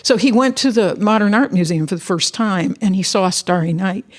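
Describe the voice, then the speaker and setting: A woman, a former art teacher, telling stories in a relaxed panel chat and acting out what people say. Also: medium pitch, normal speed. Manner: animated storytelling, acts out quotes. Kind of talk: conversational panel talk.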